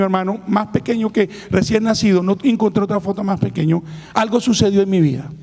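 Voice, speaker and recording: A man preaching a personal testimony in church, his voice hoarse and raspy, talking emphatically and calling his listeners brother. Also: sits high, dark tone. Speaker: pastor. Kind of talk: sermon testimony. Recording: long hall reverb.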